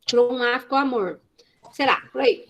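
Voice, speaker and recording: A woman teacher leading a casual online class, enthusiastic and slowly sounding out syllables over a video call. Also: on the high side, a bit bright, highs cut off.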